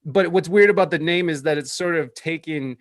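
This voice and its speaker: A man in his thirties, a podcaster who is a guest on a call, talking in a rambling, energetic way with stammered restarts. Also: on the high side, fairly quick, dry recording, studio quality. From California. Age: 30s. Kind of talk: casual interview chat. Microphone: podcast microphone.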